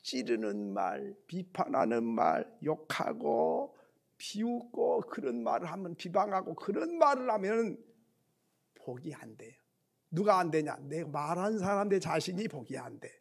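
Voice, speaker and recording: A man's voice: sits high, big pitch swings, a little slow, creaky, breathy edge. A man preaching a sermon, telling a story and acting out its voices. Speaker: pastor.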